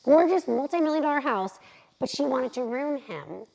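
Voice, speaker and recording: A realtor in her thirties, telling animated, candid stories as a podcast guest. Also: high-pitched, normal speed, creaky, rough recording. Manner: animated, candid, acts out quotes. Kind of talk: lively storytelling in an interview.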